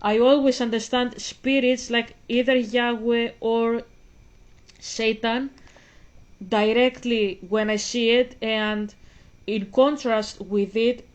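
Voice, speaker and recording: A 25-year-old Greek woman vlogs in English, her first language being Greek, addressing viewers directly in rambling, self-interrupting casual commentary. Her voice is fairly high and steady, and she speaks slowly.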